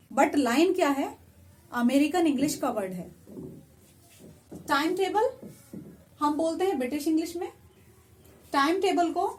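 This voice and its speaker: A woman teaching vocabulary beside a whiteboard, patiently repeating each word, with slow, careful English asides. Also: sits high, a little mellow. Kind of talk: explaining vocabulary to viewers.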